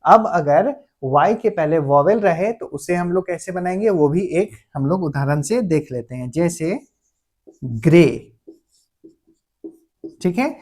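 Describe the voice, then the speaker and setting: A man teaching a grammar lesson. He explains patiently, often slows down to dictate words one at a time, and checks in with his listeners as he goes. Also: sits high, lively intonation, darkish tone. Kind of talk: classroom-style grammar lesson.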